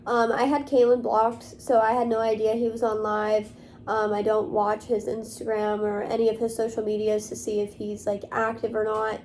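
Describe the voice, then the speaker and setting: A woman's voice: medium pitch, little pitch movement, moderate pace, darkish tone, slight background noise. A young woman vlogging to camera in casual talk, rambling along with many fillers. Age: young adult.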